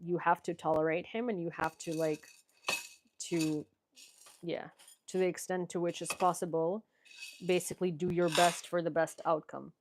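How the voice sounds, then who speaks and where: Reading out viewer questions on her casual livestream, a young woman from Ukraine speaks in a lowish, flat voice at normal speed, her Ukrainian accent clear. Her chat is loose, with many fillers and restarts, recorded through headphones against a noisy background.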